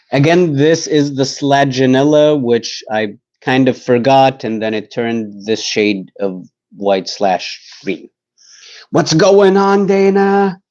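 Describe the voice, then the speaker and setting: Slow, easygoing man on a dull recording. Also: medium pitch, a little mellow. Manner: easygoing, joking, slow and rambling. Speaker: host giving a live tour. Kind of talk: casual live-stream tour.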